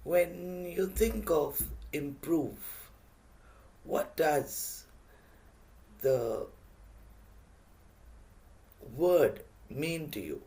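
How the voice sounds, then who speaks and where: A man voicing a bright, cheerful wise guide who asks patient, probing questions. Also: on the high side, expressive, very slow, long pauses, pitched above the performer's own voice, heavily acted. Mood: curious, teaching.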